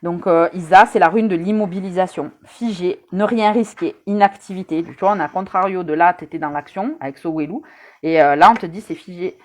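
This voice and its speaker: A woman's voice: fairly low pitch, brisk. A woman giving a casual live-stream rune reading, chatty and teasing, talking straight to her viewers with many hesitant fillers. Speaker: rune reader.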